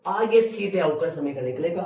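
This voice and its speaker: A high-pitched male teacher talks through a maths problem, repeating each step and firing questions at his class. He is caught by a distant mic in an echoey classroom. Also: animated, a little mellow, soft background music. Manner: repeats steps slowly, quizzing students. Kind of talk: classroom lesson at a board.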